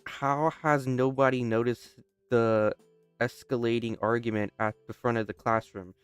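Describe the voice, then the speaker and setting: A man's voice: medium pitch, fairly even intonation, a little slow, clean tone, dry recording, faint music behind. A young man reading a story game aloud, casually stopping to joke and restart lines. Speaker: gamer. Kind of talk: casual let's-play narration.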